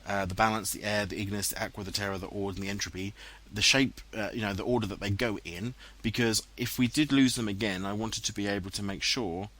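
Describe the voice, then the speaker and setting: An English-accented let's play commentator talks fast with few pauses, his voice on the low side, steady in tone and a bit bright. He offers casual, self-mocking remarks over footage of his own gameplay. It's a later voice-over done at home on a headset, dubbed in post-production.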